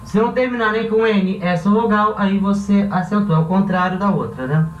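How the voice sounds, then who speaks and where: A patient Brazilian man teaches a Spanish lesson at a board in a high voice, with the recording's highs cut off. Slow and careful, with a Brazilian Portuguese accent, he spells syllables out and repeats examples, caught by a distant mic amid roomy echo and faint hum.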